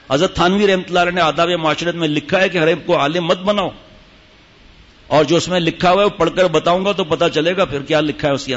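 At a mosque retreat, a man with a fairly high voice preaches sternly to the gathering, berating them through rhetorical questions. The audio is dull.

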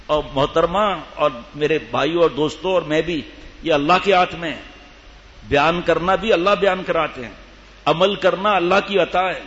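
Joking preacher in a long-echo hall. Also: male voice, fairly high pitch, fairly bright tone. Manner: jokey, teases the listeners, acts out quoted people. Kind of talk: humorous Islamic sermon. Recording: reverberant hall, dull lo-fi sound, faint room noise.

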